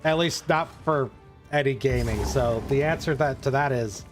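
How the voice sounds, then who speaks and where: Male streamer, mid-pitched, loose rambling chat over game music. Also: moderate pace. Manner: rambling, talks around answers to chat questions. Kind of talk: casual live-stream chat.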